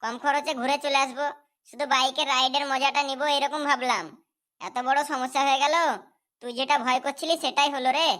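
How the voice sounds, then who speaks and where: A woman's voice: high voice, steady tone, fairly quick, fairly bright tone. A woman doing an easygoing young village lad.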